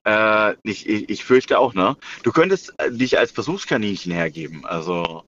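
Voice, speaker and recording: A man co-hosting a podcast chats casually and jokes over a car's hands-free speakerphone while on the road, often stumbling over repeated words. His voice is fairly low and fairly bright, with lively intonation at a moderate pace. The call through the car's hands-free system sounds lo-fi with faint noise.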